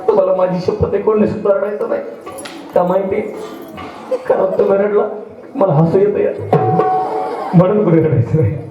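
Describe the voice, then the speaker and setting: A man's voice: sits high, fairly even intonation, moderate pace, pauses often, over music, voice pushed up, lightly acted. A man voicing a cheeky young bride who teases the women around her in a playful, laughing sing-song, heard through an echoey, dull PA system from far off. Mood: teasing. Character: cheeky young bride leaving home, teasing.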